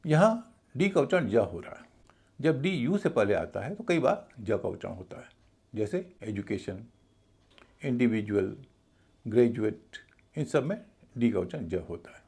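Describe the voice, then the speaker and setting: Gravelly-voiced man teaching pronunciation. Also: medium pitch, big pitch swings, normal speed, darkish tone. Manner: methodical, spells words letter by letter. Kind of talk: explanatory video lesson.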